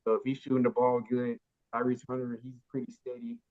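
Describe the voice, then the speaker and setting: A man's voice: mid-range voice, monotone, brisk, narrow, tinny audio. A man co-hosting a casual sports podcast, slangy and stumbling through restarts, calling people "bro.".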